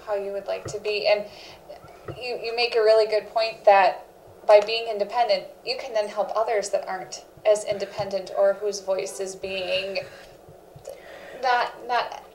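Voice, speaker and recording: Gravelly-voiced woman host, roomy sound. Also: medium pitch, fairly even intonation, unhurried, darkish tone. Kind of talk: interview hosting. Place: living room set indoors. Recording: roomy sound, faint noise.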